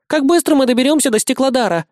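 A man's voice: very high voice, expressive, quick pace, darkish tone, no echo, voice pushed up. A man voicing a bratty young elf girl who whines and pleads, dry close sound. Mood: eager. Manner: whiny and pleading.

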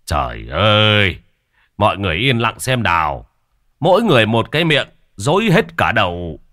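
A man voicing an older village husband who gruffly dismisses his wife's fright. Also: low-pitched, big pitch swings, slow pace, pushed and bright, no room sound, studio quality, heavily acted. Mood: dismissive.

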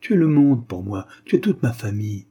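A man's voice: mid-range voice, a little slow, dark tone, breathy edge. Tearful pleading young woman, read by a man. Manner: pleading, emotional.

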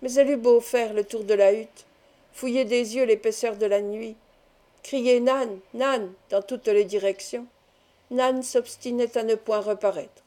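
A woman reading a folk tale aloud in an even, measured storybook narration. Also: fairly high pitch. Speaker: audiobook reader.

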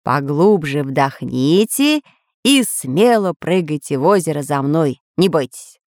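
A woman doing a low, calm old professor. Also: unhurried, dry recording, clean studio sound. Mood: calm explaining. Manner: calm, explaining, reassuring. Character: calm, wise old male professor scientist.

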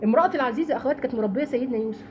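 A woman's voice: sits high, racing. A woman with an Egyptian Arabic accent teaching a Quran study lesson to women, telling stories animatedly and mimicking mocking voices. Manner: lively, animated storytelling with mocking impressions. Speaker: religious teacher. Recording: noisy room recording.

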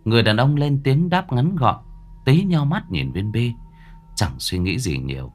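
A man narrating a horror story in a dramatic, suspenseful manner, slowing down for tense moments. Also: medium pitch, big pitch swings. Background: soft background music.

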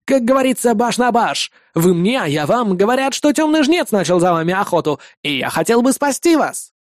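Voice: medium pitch, sing-song, fairly quick, dry recording, clean studio sound, voice pushed up, lightly acted. A reader voicing a smug, sly male mobster boss with an oily, gloating manner.

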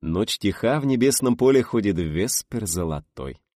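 A man's voice: fairly low pitch, moderate pace, no echo, studio quality, voice pushed up. A man voicing a young actor who recites verse with expression, in an audiobook. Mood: playful. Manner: expressive declaiming.

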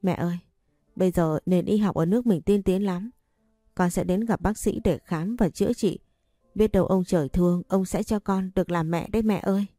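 Storybook figure: a tearful young wife begging to stay, mellow low voice, read by a woman. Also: moderate pace, no echo, studio quality, faint music behind, natural voice. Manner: stammering, begging.

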